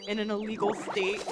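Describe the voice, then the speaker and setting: A woman streamer chatting casually and profanely with her viewers, laughing often. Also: a little high. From South Florida. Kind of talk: casual livestream chat with viewers. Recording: loud background music. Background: loud music.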